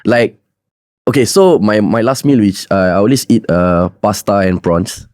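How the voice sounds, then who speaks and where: A young adult man with a Singaporean or Malaysian accent chats casually as a podcast guest, a competitive bodybuilder, in colloquial local slang English sprinkled with "lah". His voice is lowish and darkish in tone at a moderate pace, with no room sound.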